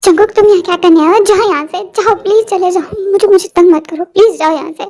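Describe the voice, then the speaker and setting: A very high-voiced reader playing a hurt young woman who bitterly rejects an apology. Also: fast talker, a little mellow.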